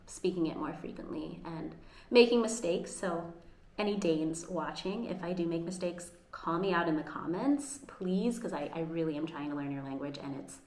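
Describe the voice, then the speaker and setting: A lowish, slightly mellow-voiced woman from the United States chats at a moderate pace in a casual home vlog. Earnest and upbeat, she sometimes starts sentences over, and the recording has an echoey room with faint ambience.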